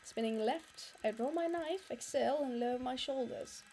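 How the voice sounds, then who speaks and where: Excitable woman reading game dialogue aloud. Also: sits high, normal speed, slight background noise. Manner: animated and excitable, reacts aloud with laughs. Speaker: let's play gamer. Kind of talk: casual gameplay commentary, reading dialogue aloud. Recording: faint game music behind.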